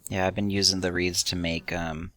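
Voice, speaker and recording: A man's voice: low-pitched, level tone, normal speed, pushed and bright, no room sound. A man chatting as co-host of a game let's play, making dry, teasing remarks. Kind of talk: casual gameplay commentary.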